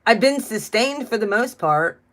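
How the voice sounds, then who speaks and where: A woman's voice: a little high, expressive, measured pace, a bit bright. A middle-aged woman doing a casual spiritual card reading, chatty and blunt, who swears freely when she gets riled. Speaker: tarot card reader.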